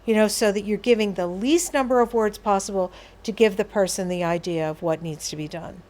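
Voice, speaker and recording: Teaching a workshop on behaviour management, a woman speaks briskly in a mid-range voice with a darkish tone. She explains things patiently to the audience, leaning on everyday examples and asides.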